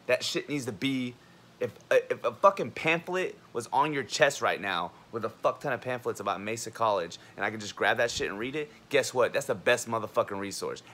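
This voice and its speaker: A man's voice: mid-range voice, a little fast. A young man, a college student and army veteran, ranting bluntly and profanely in a heated vlog monologue. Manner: animated, acts out others' lines.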